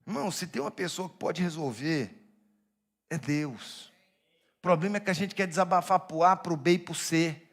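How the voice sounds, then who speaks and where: At a moderate pace and with a voice on the high side, a male pastor alternates quiet asides with shouted emphasis during his sermon, directly questioning the congregation as he goes.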